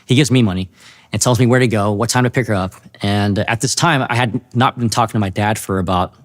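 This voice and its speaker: A man sharing his personal testimony in an earnest, halting way, often restarting his sentences. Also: on the low side. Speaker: testimony speaker.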